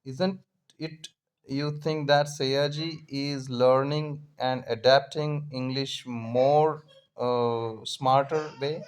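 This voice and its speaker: A father with an Indian Marathi accent, chatting casually at home in a hesitant, halting, questioning way. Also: mid-range voice, steady tone, clean tone.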